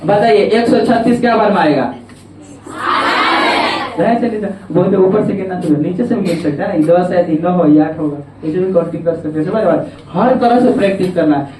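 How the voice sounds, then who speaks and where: A male teacher's high, warm voice, slightly fast, carries across an echoey classroom recorded from a distance, with a bit of hiss or hum. Teaching math, he coaxes his students along and repeatedly asks whether they're following.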